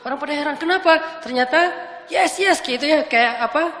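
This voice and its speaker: A woman's voice: high-pitched, fairly quick, fairly bright tone. A woman giving a humorous, casual sermon with playful, jokey storytelling. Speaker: preacher. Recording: echoey hall with long reverb.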